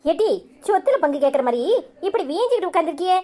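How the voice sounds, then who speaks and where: A woman's voice: extremely high pitch, expressive, racing, warm tone. A teasing old village grandmother. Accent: Kanyakumari Tamil. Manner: teasing, scolding-affectionate.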